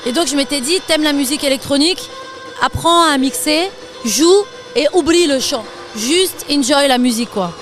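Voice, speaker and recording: A young French woman talking casually about her career in an interview, chatty and quick to laugh. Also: sits high, faint music behind. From France. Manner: lively, laughs often, chatty with fillers. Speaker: interview guest, singer and DJ.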